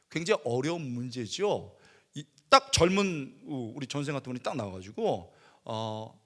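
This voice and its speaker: Male pastor preaching in a church, animated storyteller, fairly high voice, lots of swing in pitch. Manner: storytelling, acting out his past self with lively outbursts. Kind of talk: sermon. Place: church worship hall.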